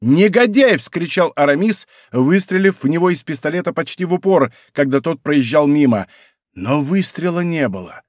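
A man narrating a historical adventure audiobook in an expressive, theatrical way. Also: on the high side, normal speed, no room sound, clean studio sound.

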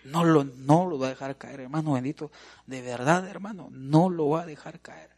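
A man preaching a sermon, lively, swinging from loud to hushed as he calls the listeners brother. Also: a little high, moderate pace. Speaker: pastor.

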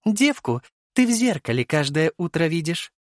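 A man's voice: high-pitched, lively intonation, moderate pace, no room sound, studio quality, pitched above the performer's own voice. A man reading an audiobook and voicing a teasing, mischievous young noblewoman who mocks playfully and theatrically.

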